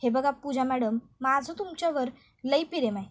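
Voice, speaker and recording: A woman's voice: sits high, moderate pace. A woman voicing a pushy rustic village man who speaks in a rural dialect. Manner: rural dialect, swaggering, bossy. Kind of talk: recap narration with read-out dialogue.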